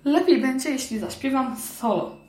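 A kind, clever young girl, put on by a woman reading aloud speaks a little higher than the narration, bright and friendly. The voice rings in an echoey room. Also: lively intonation, moderate pace.

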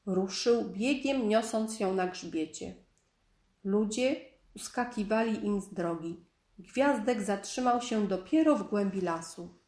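A woman reads a children's story aloud in a calm, measured storytelling way, narrating a storybook in a medium-pitched voice. The room sounds echoey.

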